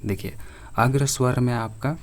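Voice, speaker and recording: A man teaching an exam-preparation grammar lesson to his viewers, reading each question slowly and clearly before explaining it. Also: mid-range voice, steady tone.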